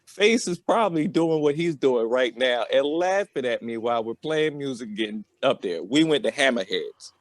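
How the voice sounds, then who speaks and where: This podcast host, an American man, spins a loose personal story with comedic, rambling flair, leaning on slang and repeating fillers like "or whatever." He sounds animated at a moderate pace and medium pitch, recorded cleanly in a studio with no echo.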